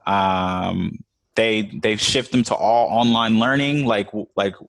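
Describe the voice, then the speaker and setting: Lowish male podcast host asking questions. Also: slow, vocal fry. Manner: asks loose, rambling questions. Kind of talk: casual podcast chat.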